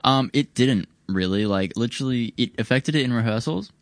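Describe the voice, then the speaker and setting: A man's voice: medium pitch, lively intonation, brisk, dry recording. A young man with a broad New Zealand accent, chatting casually in a laid-back, slangy, rambling way as a musician guest. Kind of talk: casual chat.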